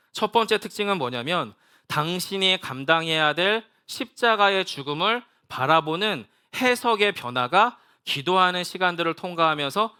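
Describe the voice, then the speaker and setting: A male pastor preaching with a bright, ringing tone and a clean, resonant voice. His pitch sits a little high for a man. He slows down and drops to a near hush to stress a point. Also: smooth. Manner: acts out Jesus' prayers in plain casual speech, then drops to a soft hush; leads the congregation in unison scripture reading. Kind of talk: sermon.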